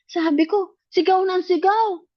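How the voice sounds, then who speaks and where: A woman with an extremely high-pitched voice speaks unhurriedly, giving a casual personal testimony about growing up in the provinces. She animatedly acts out the dialogue she remembers. The recording has no echo and its highs are cut off.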